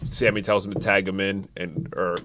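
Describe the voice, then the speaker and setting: A man's voice: sits low, little pitch movement, moderate pace, a bit bright, slight background noise. A young man co-hosting a podcast, giving his opinions and calling the moves in order, with lots of ums and yeahs. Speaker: podcast co-host. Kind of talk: casual chat.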